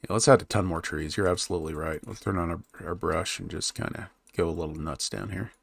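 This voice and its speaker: A man with a low, gravelly voice talks casually to his stream as he works on a map. He mutters quietly to himself between remarks, then lifts his voice to talk to chat. The sound is close and dry, with typing and mouse clicks behind him. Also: steady tone, fairly quick, no room sound. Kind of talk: casual live-stream chat while working.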